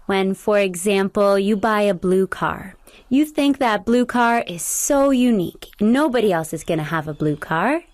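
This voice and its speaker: A young adult woman guides a meditation, offering gentle instructions in a slow, soothing voice. Her pitch is medium and there is no echo.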